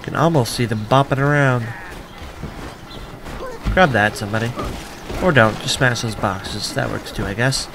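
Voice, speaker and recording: Casual gamer commentary, wry offhand man, mid-pitched, faint background hiss. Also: moderate pace, long pauses. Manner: wry, offhand, muttering asides. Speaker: let's play gamer.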